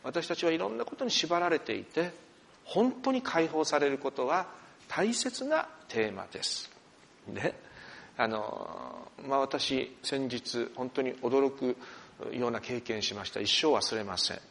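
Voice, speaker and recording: A man, the senior pastor, leading prayer and preaching a sermon in a church hall, telling stories with animated asides. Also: mid-range voice, measured pace, gravelly, slight background noise. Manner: expressive storyteller, animated asides.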